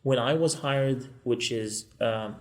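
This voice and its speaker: Middle-aged guy from morocco, earnest, explains stuff slowly w/ lots of uhs, average pitch. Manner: earnest, explaining at length with frequent fillers. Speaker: law school technology librarian and teacher. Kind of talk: podcast panel discussion.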